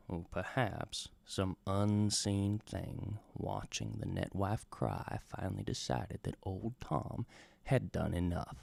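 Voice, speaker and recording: Taking on the persona of a travelling bard, a man with a deep voice and vocal fry tells a dramatic folk tale that feels partly like radio drama. He is theatrical and wry, dropping to near whispers, swelling for emphasis and making conversational asides to the listener. There is no echo.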